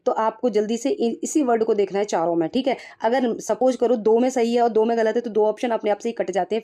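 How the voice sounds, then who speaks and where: Woman tutor going thru exam answers, slightly high but mellow voice, keeps checking in. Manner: explains quickly, with frequent "ठीक है" check-ins; mixes English terms into explanations. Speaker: exam prep teacher. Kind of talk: solving exam questions aloud.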